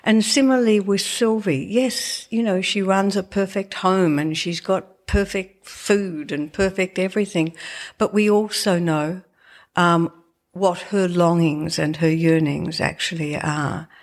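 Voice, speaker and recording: A woman's voice: fairly low pitch, steady tone, a little slow. A woman with slushy, sh-like s sounds, speaking as a novelist in a conversational, reflective and digressive talk to an audience about her book.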